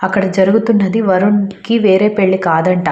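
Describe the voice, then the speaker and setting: A woman's voice: mid-range voice, fairly even intonation, brisk, warm tone, natural voice. A woman voicing a naive, easily confused young heroine in a storybook reading. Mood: assertive. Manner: puzzled, questioning. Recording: roomy, slightly dull recording.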